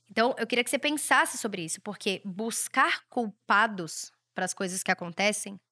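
This Brazilian podcast host, a woman in her thirties with a Brazilian Portuguese accent, delivers a blunt, provocative motivational monologue laced with casual swearing. Her voice has a medium pitch and a sharp tone.

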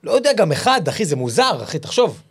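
A man bantering on a podcast, teasing his guest and addressing everyone as bro. His voice runs fairly high and swings around a lot. The recording is dry and close. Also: big pitch swings, husky, dry recording.

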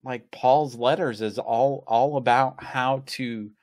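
Man, very slow pace, measured, explanatory, casual theology talk, dry sound. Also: mid-range voice, steady tone, a little mellow, no room sound.

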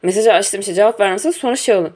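A woman's voice: medium pitch, very fast, a little mellow. A young woman casually recounting a personal story, animatedly acting out quoted dialogue.

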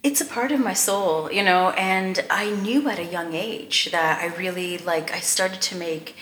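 A woman's voice: on the low side, unhurried, fairly bright tone, echoey room, a little hiss or hum. A Canadian woman, a podcast guest, chatting casually and enthusiastically with frequent fillers and laughs. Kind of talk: casual interview chat.

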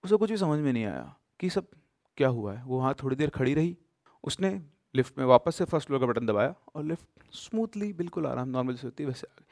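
A man casually telling a horror story, with emphatic bursts and sudden hushed drops. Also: mid-range voice, dry recording, clean studio sound.

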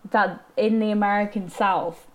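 A woman's voice: medium pitch, fairly even intonation, moderate pace, poor audio. A young woman chatting casually about a film, full of fillers and hesitations. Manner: chatty, hesitant, many fillers, laughs often. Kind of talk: casual chat about films.

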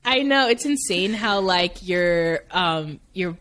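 A woman in her twenties co-hosts a podcast in a slightly low voice. She rambles casually, with "like" in nearly every phrase. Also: expressive, slow, fairly bright tone. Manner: rambling, heavy use of "like". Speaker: podcast co-host. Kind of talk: casual chat.

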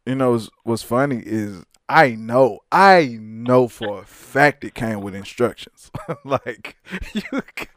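Man, casual co-host, mid-pitched voice, jokey and profane, dry sound. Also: slow, fairly bright tone, dry recording. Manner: joking, heavy cursing, teasing. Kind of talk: casual chat.

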